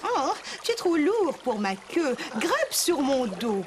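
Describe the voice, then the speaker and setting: A woman's voice: high voice, big pitch swings, takes it slowly, slight background noise, full character voice. A woman with a Quebec French accent voicing a sly, cunning fox who sweet-talks in a children's cartoon. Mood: coaxing. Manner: coaxing, sweet-talking.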